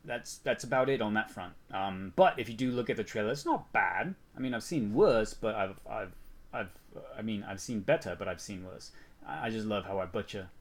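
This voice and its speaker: A man's voice: on the low side, animated, moderate pace. Sick man rambling through news. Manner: rambling, self-mocking, restarts often. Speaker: channel host. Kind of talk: casual news rundown.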